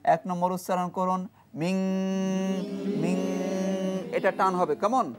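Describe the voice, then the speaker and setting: On a TV studio show, a man with a Bangladeshi Bengali accent teaches Quran reading, quizzing his class, praising correct answers and drilling syllables for them to repeat. His high-pitched voice keeps a steady tone at normal speed over heavy background noise.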